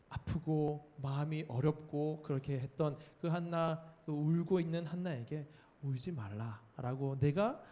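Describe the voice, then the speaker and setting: A man's voice: on the high side, darkish tone. A man preaching a youth sermon, retelling a story with earnest storytelling and acted-out quotes. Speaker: youth pastor.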